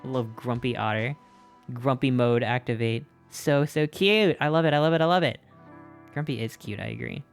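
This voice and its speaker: A streamer gushing over fan art in casual live-stream chat, excitable and repeating itself, a little out of breath. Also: mid-range voice, normal speed, gravelly. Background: faint background music.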